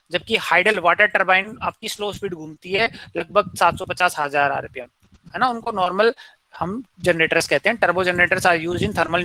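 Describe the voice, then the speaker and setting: A man's voice: sits high, pushed and bright, dry recording, poor audio. A man giving a classroom engineering lecture, posing questions to students and answering them himself, mixing in English technical terms.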